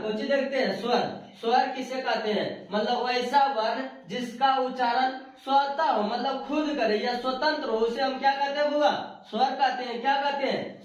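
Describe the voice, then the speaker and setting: Male teacher, repetitive call-and-response delivery, recorded off-mic in a booming room with muffled sound. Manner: repetitive question-and-answer drilling, affectionate. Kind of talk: spoken video lesson. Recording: very echoey room, far from the mic, dull sound.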